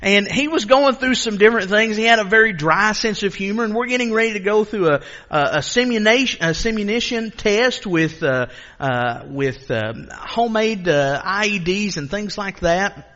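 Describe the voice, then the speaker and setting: A man's voice: high-pitched, animated, moderate pace, sharp tone, highs cut off. A man preaching a sermon in church, telling a story and leading an earnest prayer. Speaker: pastor.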